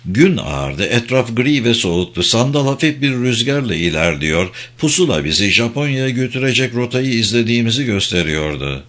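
Medium in pitch, a man's voice carries an audiobook reading of a novel, delivered with measured, expressive storytelling.

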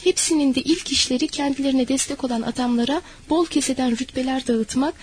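A woman narrating a historical novel as an audiobook, in a measured, dramatic storytelling manner. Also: sits high, darkish tone, low-quality recording.

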